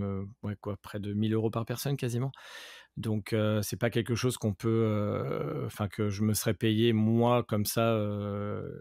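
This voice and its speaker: A man with a fairly low voice chats casually in an interview, recounting stories from his work as a guide. He talks loosely, full of "euh" and restarts. The sound is dry and close to the mic. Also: a little mellow, no room sound. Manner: chatty anecdotes with many fillers and restarts. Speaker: private tour guide and travel agency manager.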